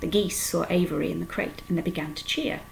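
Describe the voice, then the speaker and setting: Gravelly woman reading a children's story. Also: on the low side, fast talker, a little hiss or hum, rough recording. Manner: expressive storytelling. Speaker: storytime reader. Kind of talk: reading a children's book aloud.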